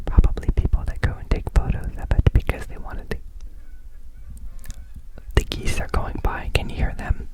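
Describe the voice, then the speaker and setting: Man whispering an ASMR ramble. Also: low-quality recording. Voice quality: soft unvoiced whisper. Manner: repeats words and phrases slowly. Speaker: ASMR video host.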